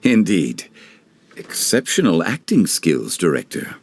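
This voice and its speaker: A man voicing a dignified gentleman consultant with a dry, measured, formal manner in a game dub. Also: low voice, very animated, slight background noise, heavily acted. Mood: dryly amused. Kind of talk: game cutscene dub acting.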